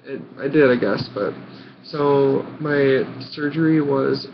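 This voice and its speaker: A young American man of about nineteen telling a personal story casually, in short halting phrases with dramatic emphasis. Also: medium pitch. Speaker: vlogger. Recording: muffled audio with clear background noise.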